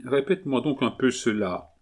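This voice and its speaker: A man reading a calm, wry old count. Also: medium pitch, moderate pace. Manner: calm and dry.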